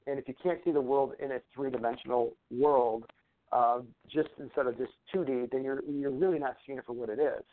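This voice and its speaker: A man's voice: mid-range voice, steady tone, fairly quick, a little hiss or hum. A man guest on a talk show, speaking in a casual, rambling way and often repeating words as he explains his advice. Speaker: guest, natural medicine practitioner. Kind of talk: conversational interview talk. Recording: tinny phone-like line.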